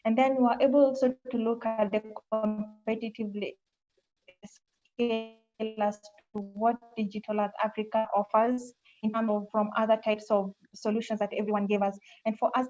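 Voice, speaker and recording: A woman's voice: a little high, level tone, brisk, mellow, soft background music. Woman presenting over a muffled call line. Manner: repetitive, searching phrasing. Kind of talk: webinar pitch presentation.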